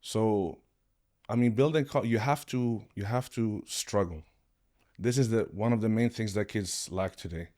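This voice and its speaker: Low-voiced, animated man from Sweden. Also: unhurried. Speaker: guest, martial arts coach. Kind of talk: podcast interview.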